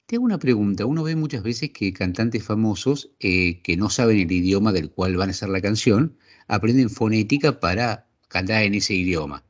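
A man with an Argentine Spanish accent puts thoughtful questions to his guest in a low, husky voice. The recording sounds dull and lo-fi. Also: normal speed. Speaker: interviewer. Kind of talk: casual interview questions.

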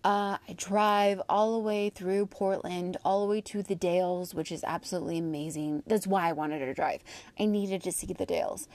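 An American woman hosts a personal audio diary podcast, delivering a casual, candid, chatty monologue packed with asides. Her voice is lowish, darkish and steady, at a moderate pace, with no echo.

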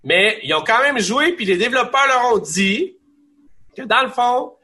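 A young man with a Quebec French accent, co-hosting a casual gaming chat, rambling and animated with many restarts. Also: extremely high pitch, a little slow. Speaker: podcast co-host.

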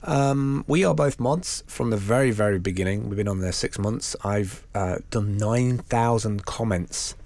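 A man co-hosting a podcast, chatting in a relaxed way and laughing easily. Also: on the low side, measured pace, hardly any pauses, no room sound. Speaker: podcast co-host. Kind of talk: casual chat.

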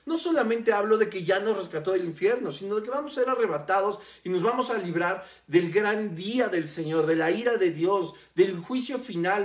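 A preacher delivering a sermon, stressing key words by slowing down and repeating them. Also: medium pitch. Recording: roomy echo.

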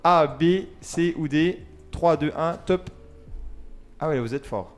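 Higher-voiced male quiz host. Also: slow, faint music behind. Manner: reads multiple-choice questions, counts down, banters with co-hosts. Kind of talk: casual radio quiz segment.

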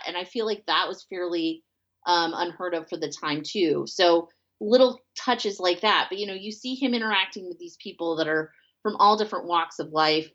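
A woman's voice: lowish voice, fairly bright tone, lo-fi sound. A woman chatting casually about a film she loves, full of "like" and "you know". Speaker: podcast co-host.

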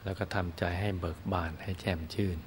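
A man teaching Buddhist meditation, guiding listeners gently and soothingly in short phrases with long pauses. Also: sits low, fairly even intonation, a little hiss or hum. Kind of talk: guided meditation instruction.

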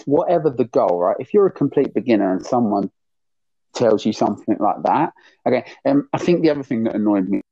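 A man with a lowish, warm, husky voice co-hosts a podcast, ranting loosely and with exasperation, swearing a bit along the way. The recording is dull, lo-fi and dry.

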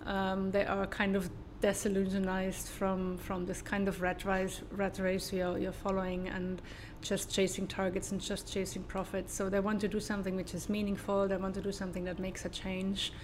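A sustainability consultant from southern Germany appears as a guest in a casual interview, speaking with a German accent at medium pitch. Her tone is flat and even over slight background noise, and she's hesitant, using many fillers and restarting sentences.

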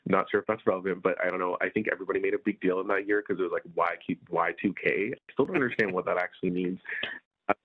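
A man's voice: deep voice, fairly even intonation, fast, slightly rough. A man in his early twenties from India, answering interview questions in a rambling casual way full of fillers. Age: early 20s. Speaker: guest. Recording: phone-like remote call audio.

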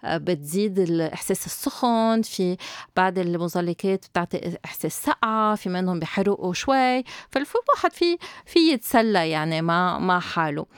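A woman's voice: lowish voice, lively intonation, brisk, clean tone, dry recording, clean studio sound. A woman with a Lebanese accent in a casual advice conversation, explaining things as a therapist co-host and dropping in English words. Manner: explanatory, mixing in some English and French loanwords. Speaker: sex therapist co-hosting an advice show.

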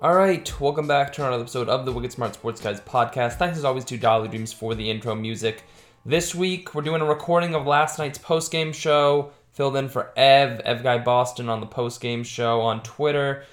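A man's voice: mid-range voice, normal speed, faint music behind. A man hosting a podcast, giving a casual introduction. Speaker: podcast host.

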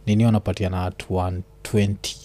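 A man's voice: low voice, flat delivery, brisk, dark tone. A man with a Kenyan accent in a casual chat, slipping between slang and English and often repeating himself in agreement.

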